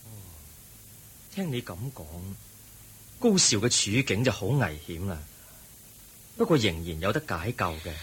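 A man with a Hong Kong Cantonese accent playing the Buddha as a calm, gentle and wise teacher in a radio drama. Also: lowish voice, slightly rough, exaggerated voice. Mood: calm counsel. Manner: gentle, measured, preaching.

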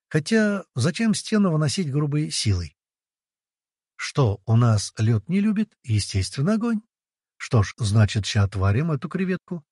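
A husky male voice reads a fantasy novel in the first person, his pitch bouncing animatedly from line to line. He delivers the jokes in a wry, playful way. The dry, close recording carries no room sound at all. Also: darkish tone, no room sound. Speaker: audiobook narrator.

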